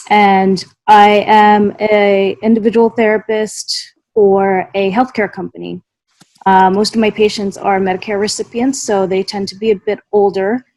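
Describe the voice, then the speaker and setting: Jersey woman therapist on a call, flat delivery, dry mic. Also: mid-range voice, measured pace, no echo, rough recording. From New Jersey, US. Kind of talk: introducing herself on a video call. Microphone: video call.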